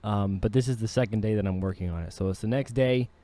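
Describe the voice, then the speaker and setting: Speaking fast in a fairly low, warm voice on a dry recording, a music producer and singer casually vlogs about producing his own song. His manner is relaxed, slangy, and conversational.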